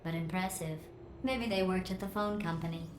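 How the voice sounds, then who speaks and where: A woman voicing a cold, sarcastic female AI overseer, with a deadpan, passive-aggressive manner and a synthetic processed sound. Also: on the low side, normal speed. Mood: mocking. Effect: synthetic computer voice processing. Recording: roomy game audio with heavy background noise.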